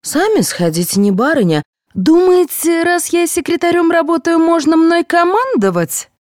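A woman voicing a rude, indignant young female secretary who shouts and talks back in an audiobook. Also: medium pitch, very animated, moderate pace, no room sound, clean studio sound, voice pushed up.

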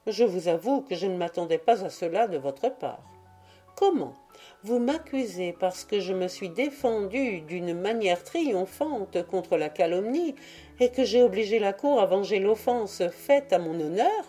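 A woman reading the part of a shrewd, self-assured young wife who teases gently but firmly, in an audiobook. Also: mid-range voice, expressive, a little slow, soft background music. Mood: indignant. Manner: gently teasing, firm.

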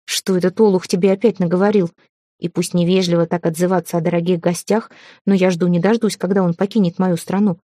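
Woman voicing a hot-tempered young prince, jealous and ironic, mellow low-key tone, dry close sound, audiobook. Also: steady tone, fairly quick, dry recording, close to an everyday voice. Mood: irritated. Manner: ironic, stern, pleading.

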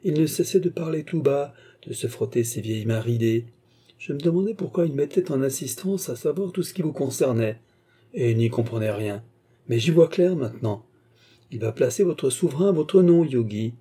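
A man reading aloud, voicing a cheerful, teasing male painter in a husky, dark voice. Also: medium pitch, expressive, moderate pace. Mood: amused. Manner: breezy, teasing.

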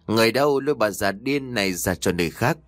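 A man voicing a bossy, quick-tempered old rich man in a spoken story. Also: on the low side, lively intonation, dry recording, faint music behind. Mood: shouting. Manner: shouting, bossy.

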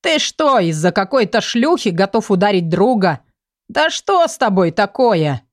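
A woman's voice: medium pitch, sing-song, unhurried, no echo, clean studio sound. Woman playing a sneering young nobleman. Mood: indignant. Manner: drawling, sneering. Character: insolent, leering young male nobleman.

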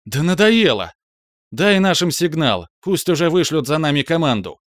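A man's voice: medium pitch, expressive, normal speed, no room sound, clean studio sound, voice pushed up, natural voice. A man voicing a scheming young female assassin who gives nervous, impatient commands in an audiobook. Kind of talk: audiobook character voice.

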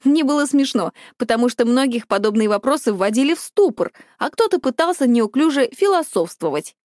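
A woman narrates a first-person story with a wry, expressive delivery. Her fairly high voice moves in a lively way through each line. The recording is dry and close. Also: brisk, dry recording. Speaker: audiobook narrator.

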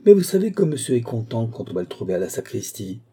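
A man's voice: medium pitch, very animated, quick pace, mellow, breathy edge. A man reading an audiobook voices a scolding, disdainful woman who keeps house for a priest.

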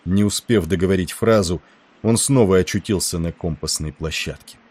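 A man narrating an audiobook war novel in a steady storytelling manner. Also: low-pitched, normal speed, slightly rough.

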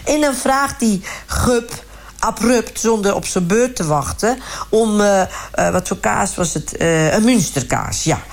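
A woman's voice: medium pitch, animated, measured pace. A woman voicing a chatty, self-righteous middle-aged village man who rambles indignantly in a comic radio sketch. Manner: rambling, indignant, repeats "hartstikke" and "gewoon".

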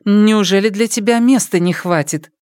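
A man voicing a warm, earthy peasant mother who teases and coaxes a foreign pastor. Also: moderate pace, clear, resonant tone, no echo, studio quality, close to an everyday voice. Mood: coaxing. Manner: teasing, coaxing, raised higher voice.

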